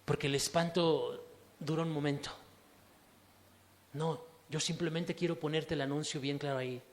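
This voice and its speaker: A male pastor preaching to his congregation, emphatic, full of rhetorical questions, swinging from hushed to loud. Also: a little high, steady tone, normal speed. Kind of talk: sermon. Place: church hall. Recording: reverberant church hall.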